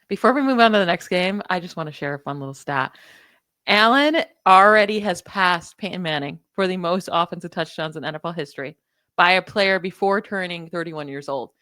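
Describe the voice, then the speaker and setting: A woman with a New York accent co-hosting a sports podcast, chatting casually and confidently, dropping stats with quick asides. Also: on the low side, pushed and bright, smooth, no echo. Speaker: podcast co-host.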